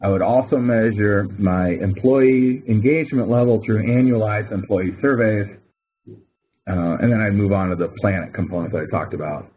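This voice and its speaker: This instructor's voice sits lowish and a little rough, moving at a moderate pace. He leads a casual webinar on an online call, talking examples through one step at a time and fixing his own wording as he goes, all in thin, tinny call audio.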